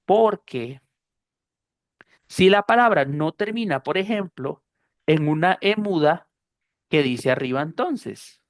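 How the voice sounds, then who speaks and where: A patient woman teaching a class, talking at an unhurried pace in a fairly low voice. She repeats her points and checks that her students understand. The recording is dry and close. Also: lively intonation, no room sound. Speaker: English teacher. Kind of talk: explaining pronunciation in a class.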